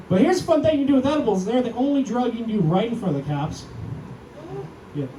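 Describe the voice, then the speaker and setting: A young man with a high voice works through a stand-up set in a deadpan, self-deprecating way. He lifts his voice when he acts out other people. The sound is roomy and distant, with a loud club ambience behind him. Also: brisk. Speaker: stand-up comedian. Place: comedy club stage. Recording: echoey club, mic heard from far, audience noise.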